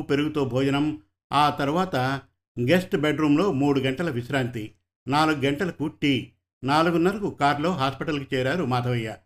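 A man narrating a story in a calm, measured way. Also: on the high side. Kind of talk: scripted narration.

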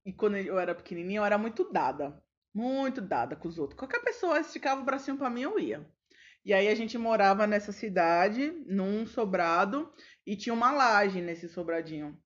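A woman's voice: mid-range voice, moderate pace. A woman co-hosting a podcast, telling stories casually and acting out the people in them. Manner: animated, acts out shouted quotes. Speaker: podcast co-host. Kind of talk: casual storytelling chat. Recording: dull lo-fi sound.

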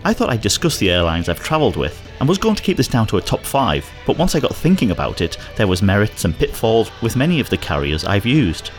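A man's voice: on the low side, big pitch swings, quick pace, few pauses, soft background music. A man hosting a podcast, narrating scripted commentary and personal anecdotes on his own. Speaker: podcast host.

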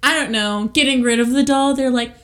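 A young woman co-hosting a casual true-crime podcast, telling a story in a chatty, giggly, animated way. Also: high-pitched, a little fast. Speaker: podcast co-host.

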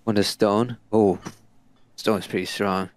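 A man co-hosting a casual podcast, relaxed and joking, quick to set facts straight. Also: fairly low pitch. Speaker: podcast co-host. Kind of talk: casual chat.

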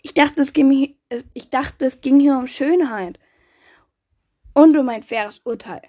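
A woman's voice: high-pitched, measured pace, dark tone. A woman reading a children's book aloud, giving the characters' quoted lines their own voices. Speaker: reader.

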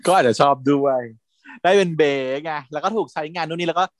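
Chatty guy with a kinda high voice gushing about shows, dry close sound. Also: steady tone, fast talker, no room sound. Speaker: podcast co-host. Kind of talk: casual chat about TV series.

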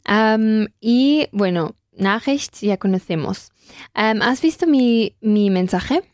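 A woman's voice: fairly high pitch, lively intonation, slow pace, a little mellow, dry recording, clean studio sound. A woman teaching German in Spanish, patiently repeating phrases and correcting her student. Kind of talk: language lesson in Spanish.

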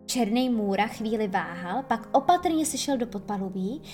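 Expressive female audiobook narrator, bright higher voice, lively storyteller. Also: faint music behind. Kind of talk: audiobook reading.

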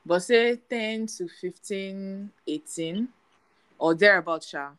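A woman's voice: medium pitch, slow, a bit bright, clean tone, low-quality recording. A young woman co-hosting a casual podcast chat, talking in a chatty, storytelling way. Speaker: podcast co-host.

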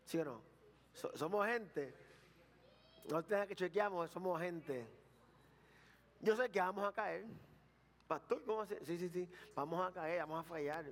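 Male pastor, high voice, preaching with call-and-response questions and acted-out dialogue. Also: a little slow, long pauses, a little hiss or hum. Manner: preaching with repetitions and rhetorical questions to the congregation; acts out dialogue between Jesus and Peter. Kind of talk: sermon.

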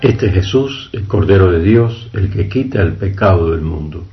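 A man speaking as a priest, praying the liturgy of the Mass in solemn, measured phrases. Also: expressive, soft background music. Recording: muffled, low-fidelity livestream.

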